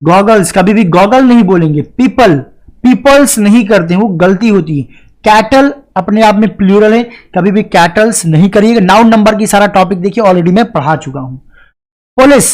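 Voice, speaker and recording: Male grammar teacher, lecture delivery, rhetorical questions, stresses each example sentence slowly. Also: high voice, expressive, darkish tone. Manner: explains step by step, often asks and answers his own questions; reads English example sentences slowly and deliberately. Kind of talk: classroom lecture.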